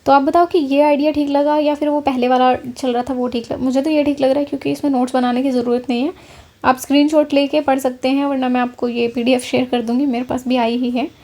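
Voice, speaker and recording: Haryana woman doing a chatty exam prep lecture, high voice, soft and mellow. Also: flat delivery, fast. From Haryana, India. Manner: conversational, checks in often with filler words. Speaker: online exam-prep teacher. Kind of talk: casual lecture over slides.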